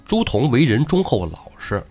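A man's voice: mid-range voice, moderate pace, breathy edge, soft background music. A man hosting a podcast, retelling a classic tale casually and acting out its characters. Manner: lively, acts out characters. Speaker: podcast host and storyteller. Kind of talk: casual storytelling.

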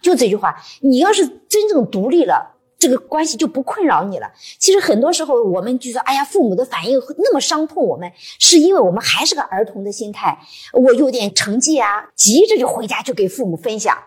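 A woman's voice: a little high, big pitch swings, fairly quick, breathy edge. A woman literature professor speaking reflectively at a live book-club talk, explaining her points step by step.

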